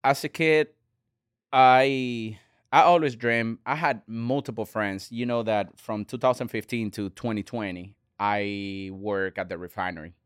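A man, a restaurant owner talking as a guest in an earnest, halting way with many restarts. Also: on the low side, smooth, dry recording, studio quality. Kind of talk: casual interview talk.

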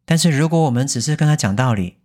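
A man with a Taiwanese Mandarin accent hosting a parenting podcast, explaining patiently and slowly sounding out English words. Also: medium pitch, lively intonation, darkish tone. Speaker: parenting educator and podcast host. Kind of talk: podcast advice and mini English lesson.

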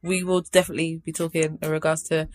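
Young British woman with lowish voice. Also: flat delivery, fast talker. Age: young adult. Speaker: podcast co-host. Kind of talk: casual, reflective chat.

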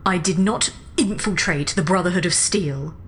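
Drama adventurer, female actor: wry, guarded, defiant, slightly low voice, faint rumble behind. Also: moderate pace, lightly acted. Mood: sardonic. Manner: dry, sardonic. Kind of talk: scripted audio drama acting.

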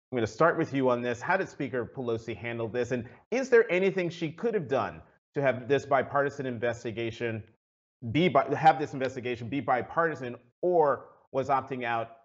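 A man's voice: medium pitch, highs cut off. A man hosting a news interview show, asking questions with frequent "uh" fillers. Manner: hesitant, many uh fillers.

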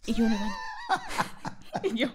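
A woman's voice: fairly high pitch, a little slow. A woman, a podcast guest, telling a funny anecdote and acting out the voices, laughing often. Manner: lively storyteller, acts out voices and laughs often.

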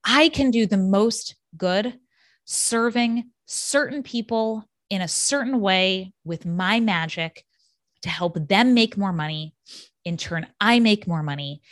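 A woman's voice: medium pitch, slow pace, no echo, studio quality. A woman hosting her own podcast, talking passionately and emphatically, often checking in with her listeners with tag questions. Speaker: podcast host. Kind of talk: solo podcast monologue.

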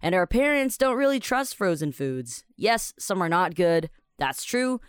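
A woman's voice: on the low side, sing-song, measured pace, smooth, no room sound, studio quality. A woman from Taiwan, hosting a podcast lesson as an English teacher. She is upbeat and chatty and explains words step by step.

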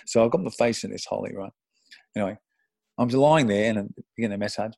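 Middle-aged aussie guy, husky voice, dry close mic, swears a lot telling old footy stories. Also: lowish voice, fast, dry recording. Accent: Australian. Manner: animated anecdote with swearing and self-deprecating laughs. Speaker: podcast guest, former footballer. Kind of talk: casual storytelling.

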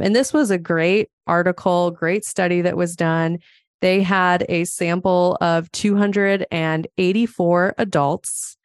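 A woman's voice: on the low side, clear, resonant tone, dry recording, clean studio sound. A woman from Montana hosting a solo podcast as a psychologist, chatty and explanatory. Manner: chatty, explanatory, laughs now and then.

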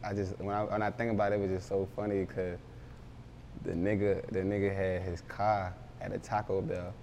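Deep flat-voiced young man, loose slang. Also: moderate pace, a little hiss or hum. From Baltimore, raised in Philadelphia. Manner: loose, rambling street slang. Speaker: rapper, interview guest. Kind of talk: casual interview talk.

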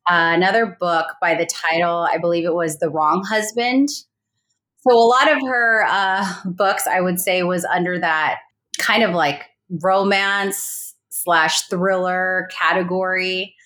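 A woman's voice: lowish voice, fairly even intonation, slow, a bit bright. A woman recounting a real crime in a casual interview, hesitant with many fillers and restarts. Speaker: guest recounting a colleague's murder.

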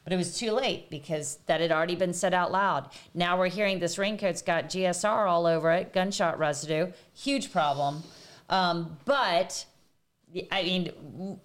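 A woman co-hosting a casual panel discussion, lively and steering the conversation. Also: lowish voice, normal speed. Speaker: co-host.

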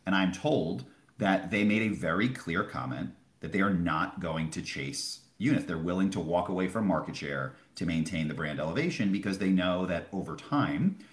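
A man's voice: deep voice, lively intonation, normal speed. A man giving conversational expert analysis as a retail analyst in a podcast interview, explaining emphatically and posing questions that he answers himself. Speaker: Wall Street retail analyst. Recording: roomy, echoing sound.

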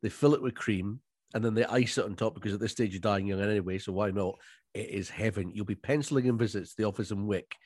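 A man with a Scottish Highland accent presenting a podcast in a chatty, jokey, wordy way. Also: fast talker, a little mellow, no room sound, clean studio sound. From Inverness, Scottish Highlands. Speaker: podcast host.

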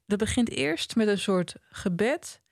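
A man co-hosting a casual book chat, telling the story with animation and reading passages aloud slowly. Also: high voice, gravelly, dry recording, studio quality. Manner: animated storyteller, reads quotes slowly and softly. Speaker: podcast co-host discussing a novel.

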